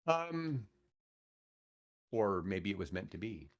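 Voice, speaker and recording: A middle-aged American man, a guitarist and radio host appearing as a podcast guest, tells stories in a fairly low, very animated voice at a slow pace. He rambles casually and gushes with enthusiasm about music.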